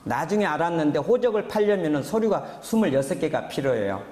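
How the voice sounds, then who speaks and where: A man's voice: on the high side, very animated, fairly quick, darkish tone. A man in his sixties, a pastor, telling his testimony in a sermon, earnest and rising into fervent exhortation. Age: 60s. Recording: reverberant church hall.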